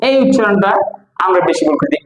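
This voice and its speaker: A man with a Bangladeshi accent teaching English pronunciation, repeating words slowly for practice. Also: sits high, expressive. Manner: drills words slowly with repetition. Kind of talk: pronunciation lesson. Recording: echoey room with faint noise.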